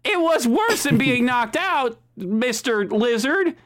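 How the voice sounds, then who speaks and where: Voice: high voice, expressive, takes it slowly, fairly bright tone, voice pushed up, exaggerated voice. A game master voicing a dramatic man who lost his British accent, in an over-the-top, theatrical manner.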